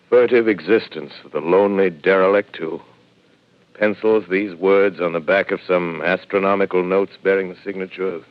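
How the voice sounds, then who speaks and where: Haunted lone professor, very deep voice, grave and measured, muffled AM radio sound. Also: male voice. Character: lone male professor surviving an alien invasion, shaken and weary. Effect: old AM radio broadcast sound. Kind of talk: 1930s radio drama narration. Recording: muffled 1930s AM radio broadcast.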